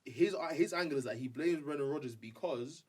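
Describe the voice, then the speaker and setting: A man's voice: fairly high pitch, brisk, breathy edge, recorded from a distance. A man with a London accent in a casual podcast football debate, insistent and often repeating himself.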